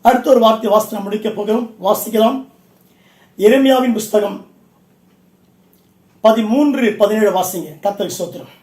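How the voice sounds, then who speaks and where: A man's voice: sits high, moderate pace, pauses often, a little mellow, echoey room. A man, a bishop, preaching a Pentecostal sermon in a church. He speaks emphatically in short repeated phrases and calls out directly to his listeners.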